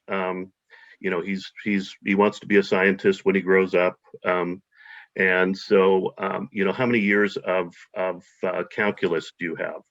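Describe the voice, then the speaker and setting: The man, an American guest in a casual interview, has a voice that sits low with a fairly bright tone. He speaks hesitantly, with many fillers and restarts, captured on dull lo-fi audio.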